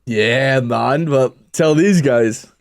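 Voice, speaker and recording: A man's voice: mid-range voice, very slow, gravelly. A man co-hosting a casual chat, laid-back, chipping in with short, wry replies. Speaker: podcast co-host.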